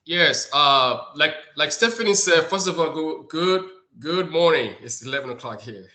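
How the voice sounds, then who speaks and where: An adult man from Liberia, a co-founder and director of a nonprofit, speaks on an online community call captured through a video-call microphone. His voice is on the high side with lively intonation, a sharp tone and normal speed. He frequently repeats words while searching for them.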